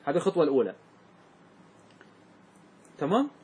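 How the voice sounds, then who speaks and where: High husky sheikh explaining grammar. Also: male voice, wildly swooping pitch, mellow. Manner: keeps checking that students follow, asking if it is clear; slows and repeats words to stress their forms. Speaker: sheikh teaching Arabic grammar. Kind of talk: classroom grammar lesson.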